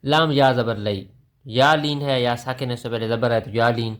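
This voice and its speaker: A Quran recitation teacher, a man with a Pakistani Urdu accent, gives a tajweed lesson. He talks in an ordinary middle pitch, patiently naming each letter and its vowel mark. Then he chants the words of the verse slowly. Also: steady tone.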